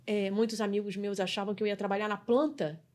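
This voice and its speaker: A middle-aged Brazilian woman who mentors people in customer experience tells her story as a podcast guest. She speaks fast at a medium pitch, animated, often restarting phrases and tacking on tag questions in a conversational interview.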